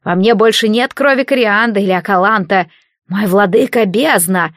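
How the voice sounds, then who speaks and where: Woman doing fanatical male villain, slow ecstatic proclaiming, loud, mid pitch, dry close sound. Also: dry recording, lightly acted. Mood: gloating.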